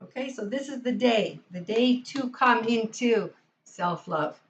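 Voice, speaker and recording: A woman's voice: a little high, animated, a little slow, slight background noise. A woman hosting a live tarot reading, chatting with enthusiasm and speaking straight to her viewers. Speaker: tarot reader and livestream host. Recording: dull lo-fi sound.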